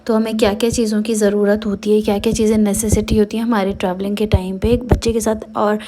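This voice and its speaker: A woman tells her travel story in a chatty, casual vlog voice-over. She talks as a mother, loosely and warmly paced, with frequent fillers and English words mixed in. Her pitch is ordinary for a woman. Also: little pitch movement, fast, background noise. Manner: chatty, with many fillers and Hindi-English mixing. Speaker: vlogger mother.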